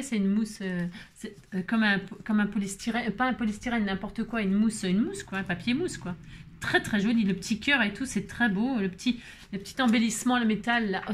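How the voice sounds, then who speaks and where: A woman chatting casually while opening her mail, exclaiming at each item and now and then dropping into high baby talk to her pet. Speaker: craft vlogger opening mail. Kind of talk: casual chat unboxing mail. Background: paper crinkling and clicks.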